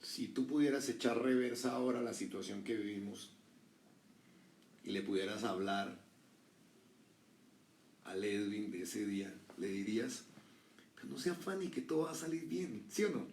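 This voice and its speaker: A middle-aged man preaches in a loose, chatty way, tossing out rhetorical questions and acting out short exchanges. His voice has a gravelly edge, and he sounds a little off-mic in a roomy, echoing space. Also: lowish voice, normal speed, pauses often, darkish tone. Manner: conversational preaching with rhetorical questions and acted quotes. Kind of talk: sermon. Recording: echoey room, voice from a distance.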